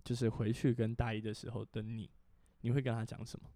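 A man's voice: mid-range voice, fast talker, no echo. A young man, co-hosting a casual podcast and telling a story with lots of laughs. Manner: laughs often, animated storytelling. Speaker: podcast co-host.

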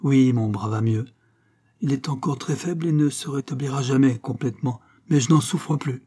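A man's voice: mid-range voice, moderate pace, mellow, husky, lightly acted. A man voicing a wounded young soldier who pleads with rising emotion. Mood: subdued.

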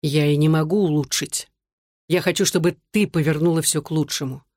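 A weary, hunted man speaks low and soothingly , as the audiobook narrator puts him on. The storybook reading is close and dry, with no room echo. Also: steady tone, fairly quick, a little mellow, close to an everyday voice. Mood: quiet.

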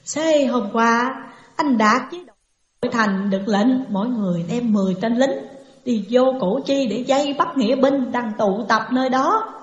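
A woman reader voicing a grieving young widow who tearfully recounts her husband's death. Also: fairly high pitch. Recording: muffled echoey hall reverb.

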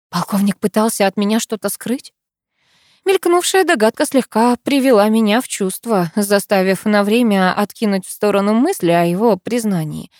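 A woman reading a first-person novel aloud in a measured, expressive storytelling voice. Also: medium pitch, dry recording, studio quality. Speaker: audiobook narrator. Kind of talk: first-person audiobook narration.

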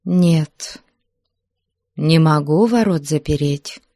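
A woman voicing an elderly abbess who answers calmly and coldly in an audiobook. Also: deep voice, slow, no room sound, clean studio sound, full character voice. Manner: calm and cold. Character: calm cold elderly abbess.

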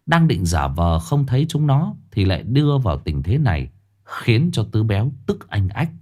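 A man narrating a ghost story in a lively, dramatic scripted reading. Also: fairly low pitch, normal speed.

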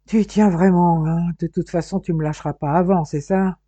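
A reserved, smitten young man, read by a woman in a novel, confiding in a quiet, reluctant way. His tone is very mellow. The recording sounds dry and dull. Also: on the low side, fairly even intonation, normal speed, no room sound, lightly acted.

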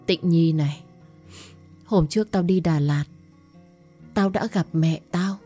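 A woman voicing a young woman who is sad and downtrodden, speaking softly through tears. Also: fairly low pitch, takes it slowly, soft background music. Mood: tearful.

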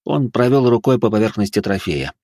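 A man narrating a fantasy audiobook in a steady, measured reading. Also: fairly low pitch, dry recording, clean studio sound.

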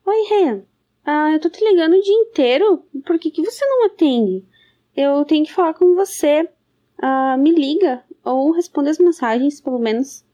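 A woman's voice: high voice, expressive, a little fast, mellow. A woman playing an anxious young woman leaving an urgent, pleading voicemail. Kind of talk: short film drama acting. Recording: dull voicemail playback.

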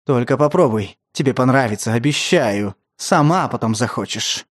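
A man voicing a lecherous, menacing older stepfather who talks in a wheedling, breathy way. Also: mid-range voice, expressive, measured pace, no echo, clean studio sound, voice pushed down. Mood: leering. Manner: wheedling, breathy, then snarling.

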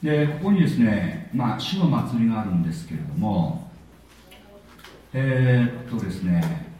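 A man preaching a sermon in a chatty, lively way, with plenty of filler words. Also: on the low side, moderate pace. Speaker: pastor. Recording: echoey hall, voice from far off.

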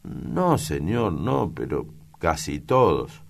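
A man's voice: low voice, very animated, slow pace, vocal fry, full character voice. A man voicing a naive, sweet young country girl. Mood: anxious.

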